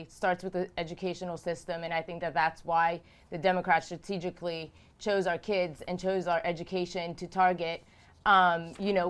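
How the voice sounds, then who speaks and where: This House candidate, a woman in her thirties from Romania, speaks with a clean tone on the low side. Responding to interview questions, she is earnest and emphatic and repeats phrases for emphasis.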